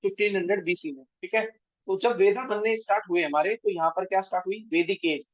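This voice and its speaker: A man's voice: high voice, fast. A man with an Indian accent giving a history lecture for exam prep, switching between Hindi and English and often checking in with his students. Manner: mixes Hindi and English, checks in with frequent tag questions. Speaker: history teacher. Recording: dull, dry lo-fi sound.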